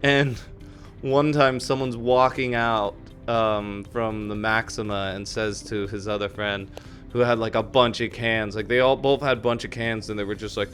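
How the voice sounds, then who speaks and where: A man's voice: fairly low pitch, fairly even intonation, moderate pace, a bit bright, soft background music. A man co-hosting a casual chat, telling stories with lots of fillers and restarts. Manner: rambling, storytelling with many fillers and restarts. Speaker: podcast co-host.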